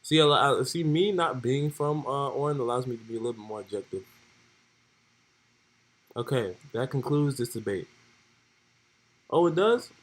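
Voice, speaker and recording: A young man with a husky, slightly breathy voice talks casually on a live stream. He jokes and reads role-play text aloud in a relaxed way, at an ordinary middle pitch. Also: moderate pace, long pauses, low-quality recording.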